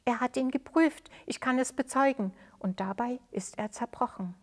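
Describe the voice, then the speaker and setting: A woman storyteller gives voice to a loyal grown man from a children's storybook who stands by a young boy, calm and steady, and protective of him. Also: very high voice, moderate pace, voice pushed up.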